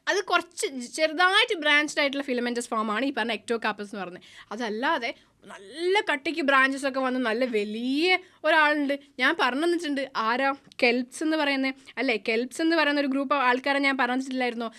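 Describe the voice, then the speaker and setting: A woman's voice: high-pitched, a little fast, sharp tone. A woman with a Malayali accent teaching a biology class, mixing in English terms and asking the students questions she answers herself. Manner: mixes English terms into her speech. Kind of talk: online class lecture.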